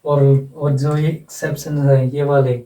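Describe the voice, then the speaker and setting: A man's voice: on the high side, flat delivery, a little slow, warm tone. A man teaching phonetics, explaining step by step, repeating words and spelling them out letter by letter. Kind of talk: blackboard lesson explanation. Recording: echoey room, voice from a distance.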